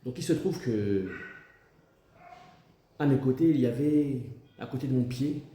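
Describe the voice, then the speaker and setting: A man's voice: mid-range voice, unhurried, warm tone, reverberant, a little hiss or hum, lightly acted. A man playing a stern, pompous president in a comic sketch, insinuating and mock-diplomatic as he scolds and threatens. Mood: indignant, pompous.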